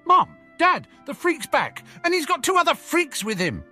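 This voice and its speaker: A man voicing a bratty teenage boy who yells and sneers in an audiobook. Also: extremely high pitch, sing-song, normal speed, soft background music, pitched above the performer's own voice, full character voice. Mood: shouting. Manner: yelling, sneering.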